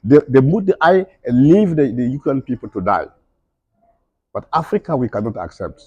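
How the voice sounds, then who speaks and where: A man's voice: medium pitch, animated, moderate pace, a little mellow, breathy edge, no echo, dull audio. A middle-aged man speaking emphatically in broken, non-native English, repeating his points as an interviewee. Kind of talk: impassioned conversational speech.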